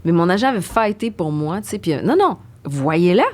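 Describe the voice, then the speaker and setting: A middle-aged woman with a Québécois French accent, a guest in a casual talk, recounting stories briskly. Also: fairly low pitch. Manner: brisk anecdotal, lively recounting. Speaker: guest actress. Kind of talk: casual conversation.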